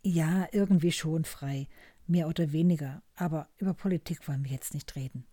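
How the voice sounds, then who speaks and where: A woman's voice: low-pitched, fairly quick, dark tone, no echo, studio quality. A woman reading an easygoing, chatty man. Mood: friendly. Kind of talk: read-aloud dialogue in a story.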